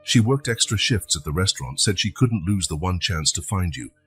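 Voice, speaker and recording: A man voicing an earnest young girl, the older of two sisters, speaking softly in a raised voice. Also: deep voice, animated, a little fast, soft background music. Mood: tender.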